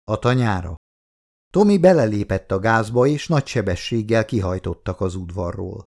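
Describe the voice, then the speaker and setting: A man narrating an audiobook in a steady, measured storytelling manner. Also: on the low side, gravelly.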